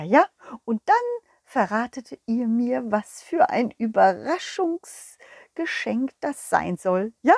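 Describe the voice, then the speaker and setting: A nervous, excitable fairy-tale king for a children's audio story, put on by a woman. He giggles breathlessly and keeps saying sorry, his high voice leaping up and down. The sound is close and dry, with no room around it. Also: slightly rough, no room sound, full character voice. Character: excitable flustered fairy-tale king, male, jittery, flatulent.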